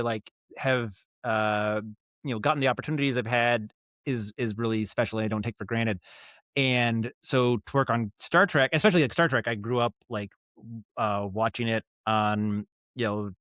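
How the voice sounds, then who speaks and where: A man from Maine, United States, with an American accent and a mid-range voice speaks at a normal speed on a dry recording. He's a podcast guest who directs and writes audio drama. In casual interview storytelling, he rambles and acts out animated asides.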